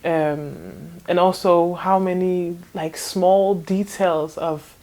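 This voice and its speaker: A woman in her twenties from Denmark answers interview questions in a relaxed, casual way. Her voice sits fairly low for a woman. She hesitates often, restarts her sentences and laughs lightly between thoughts. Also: takes it slowly. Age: 20s. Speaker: interview guest, fashion designer.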